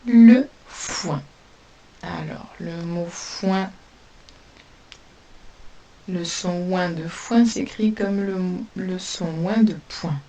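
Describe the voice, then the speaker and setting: A woman teaching a spelling lesson to young pupils, dictating words slowly and sounding out each letter. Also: on the low side, steady tone, dark tone. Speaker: primary school teacher. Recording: distant mic with faint hiss.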